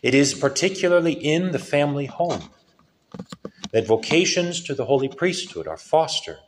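A male priest giving a solemn sermon with a lively rise and fall in his preaching. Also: on the high side, slight background noise. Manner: slow, solemn preaching with lively rises and falls.

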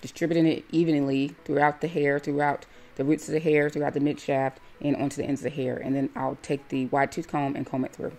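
A woman hair stylist calmly explaining each step of a hair tutorial in a voice-over. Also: low-pitched, a little fast, hardly any pauses. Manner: calm, step-by-step instructive.

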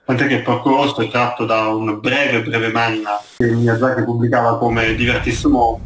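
A man talking as the guest expert, explaining in a lively storyteller way and now and then slipping into quoted voices. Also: medium pitch, moderate pace, slight background noise. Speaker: guest expert on anime history. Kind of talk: conversational explanation. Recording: echoey room, mic at a distance.

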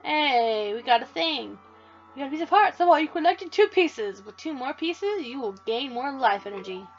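A woman's voice: high-pitched, expressive, moderate pace, dull audio, soft background music. A woman hosting a let's play, giving casual gameplay commentary in a jokey, profane, self-mocking way.

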